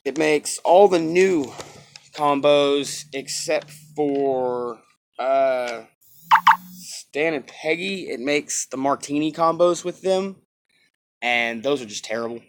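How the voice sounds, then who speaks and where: A man's voice: fairly high pitch, slow pace, slight background noise. A man giving casual, off-the-cuff review commentary on a game, opinionated and repeating himself for emphasis.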